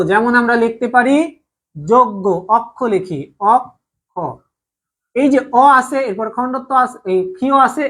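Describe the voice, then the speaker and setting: In an online grammar lesson, a young man with a Bangladeshi Bengali accent speaks with an extremely high, slightly bright voice. His teaching is repetitive and drill-like, and he asks again and again if everyone has got it.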